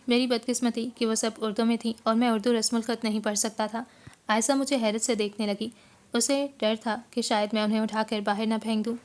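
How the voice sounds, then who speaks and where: Woman audiobook narrator, slightly high voice, measured expressive storytelling. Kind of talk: scripted novel narration.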